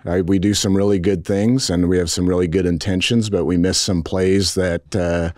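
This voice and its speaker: Middle-aged male coach, very deep voice, dry close sound, frank and halting at a press table. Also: little pitch movement, a little mellow, no echo. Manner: measured, frank, with many restarts and fillers. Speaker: head football coach. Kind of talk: post-game press conference. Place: press conference room. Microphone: table mics in front.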